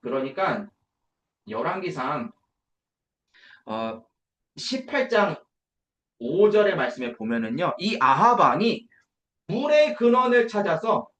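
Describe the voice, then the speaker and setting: Emphatic preacher with a lively voice. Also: male voice, sits high, takes it slowly, long pauses, reverberant, muffled recording. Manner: emphatic, asks rhetorical questions and answers them. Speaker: preacher at an evangelism school. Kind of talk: sermon.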